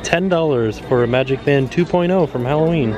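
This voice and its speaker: A man's voice: medium pitch, fairly quick, over a noisy crowd. A man in his thirties, a vlogger, chatting upbeat about prices while browsing a busy store on a handheld camera. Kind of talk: casual vlog narration. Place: busy outlet store and parking lot.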